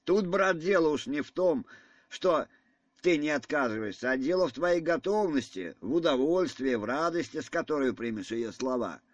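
An excitable, pushy elderly general from an audiobook, put on by a man reading it. His voice climbs high and loud as he presses his point, and the recording is dry and close, with no room sound. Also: normal speed, no echo. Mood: vexed. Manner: excitable, insistent.

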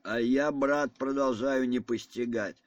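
An excitable, pushy elderly general from an audiobook, put on by a man reading it. His voice climbs high and loud as he presses his point, and the recording is dry and close, with no room sound. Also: normal speed, no echo. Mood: indignant. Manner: excitable, insistent.

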